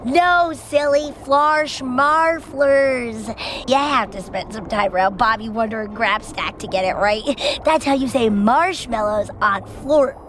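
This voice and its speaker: A woman's voice: fairly high pitch, expressive, normal speed, few pauses, fairly bright tone, slight background noise. A woman playing a breezy, unflappable young female gadget inventor in a children's audio adventure, speaking in a casual, matter-of-fact way. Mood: breezy, instructing.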